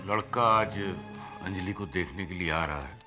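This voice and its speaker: Stern older head of family, low and slow, soft music. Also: male voice. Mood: measured. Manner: grave, measured, slow. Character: grave older family patriarch. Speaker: family elder, father. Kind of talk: TV serial acting.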